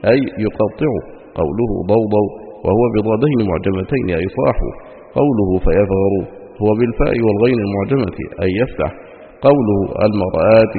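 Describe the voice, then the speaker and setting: A man reading a classical hadith collection aloud in a slow, measured, chanted delivery. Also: lowish voice, gravelly. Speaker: reader of a hadith book. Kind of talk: recited reading of a religious text. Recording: tinny phone-like audio with long reverb.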